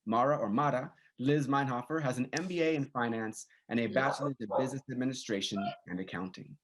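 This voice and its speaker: A man's voice: mid-range voice, quick pace. Rambling male podcast host. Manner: rambling, many fillers and self-corrections. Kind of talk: casual podcast hosting.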